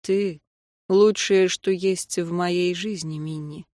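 A hushed, gentle young man, as a woman reads him. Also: lowish voice, steady tone, slow pace, no room sound. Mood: soft, tender. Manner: quiet, soft-spoken.

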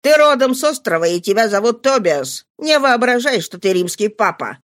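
An audiobook reader voicing a defiant, brash male worker who taunts his master loudly. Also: medium pitch, big pitch swings, moderate pace, pitched above the performer's own voice. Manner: jeering, loud, taunting. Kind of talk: audiobook character voice.

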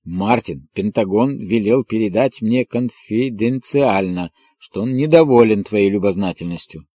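A man reading an audiobook and voicing a gruff, irritable colonel who runs a newspaper and growls at his reporter. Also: medium pitch, animated, normal speed, no echo, clean studio sound. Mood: grimly confidential. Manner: growling, shouting, blustering.

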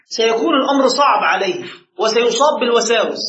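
A man's voice: extremely high pitch, expressive, fast, fairly bright tone, a little hiss or hum. A man teaching a jurisprudence lesson as a sheikh, emphatic, with rhetorical questions to his students. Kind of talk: classroom lecture with questions. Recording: echoey room, muffled lo-fi sound.

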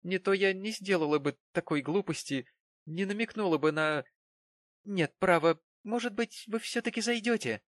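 A man voicing an affected, indignant young woman with a shrill, fussy manner. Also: moderate pace, no echo, lightly acted.

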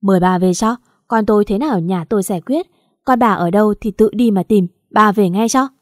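In a storybook audio drama, a gray-haired older father scolds in quick, stern bursts, as a woman narrator puts him on. The tone stays mellow and the sound is dry and close. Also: mid-range voice, no echo, natural voice. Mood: angry. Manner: stern, hurried, reproachful.

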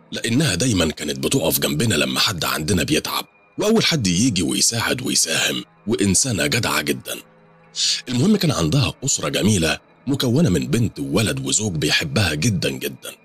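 A man with an Egyptian accent narrates a horror story at a fast clip, in a low, husky voice. His pitch swings widely as he tells it, and the recording is close and dry. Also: fairly bright tone. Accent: Egyptian Arabic.

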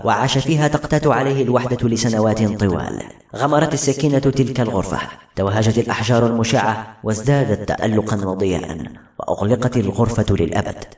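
A man narrating a novel in a brisk, dramatic storytelling manner. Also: lowish voice, darkish tone. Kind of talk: audiobook narration. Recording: roomy with faint music.

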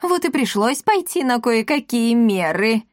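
A woman voicing a scheming, cowardly male swindler who pleads hoarsely in a storybook reading. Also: on the high side, big pitch swings, a little slow, no echo, studio quality, pitched above the performer's own voice. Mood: whining.

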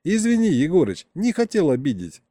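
A man's voice: a little high, wildly swooping pitch, a little fast, mellow, no room sound, studio quality, pitched above the performer's own voice. A man doing a cheeky mocking pilot. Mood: teasing. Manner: mocking, chuckling. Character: cheeky broad-shouldered male pilot.

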